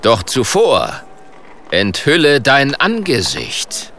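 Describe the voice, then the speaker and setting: A man's voice: medium pitch, wildly swooping pitch, takes it slowly, fairly bright tone, a little hiss or hum, exaggerated voice. A man voicing a bearded, stately castle lord in a children's storybook, proclaiming solemnly and formally.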